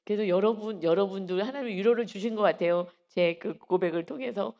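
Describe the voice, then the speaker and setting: A woman pastor delivers an early-morning sermon in a church, her voice carrying a gravelly rasp. She preaches with emphasis and often acts out the voices she quotes. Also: medium pitch, brisk, highs cut off. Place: church sanctuary.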